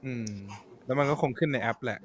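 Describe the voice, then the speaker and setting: A man who is a podcast guest, explaining things step by step in a relaxed, casual chat. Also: medium pitch, a little fast, slight background noise.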